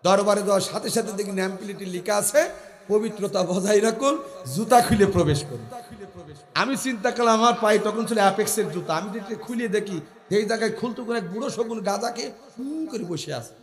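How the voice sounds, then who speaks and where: A man from Bangladesh delivers a sermon. His voice sits high. He mocks and asks rhetorical questions, dropping to quiet asides and then rising to full shouts. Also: brisk. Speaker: preacher.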